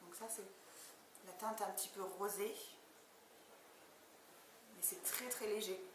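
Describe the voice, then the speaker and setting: A woman's voice: medium pitch, unhurried. Enthusiastic woman unboxing, echoey and distant. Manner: chatty, enthusiastic, many fillers. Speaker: beauty vlogger. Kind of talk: casual product unboxing. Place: indoor room, far from the camera. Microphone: camera mic at a distance. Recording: echoey room, distant mic, background noise.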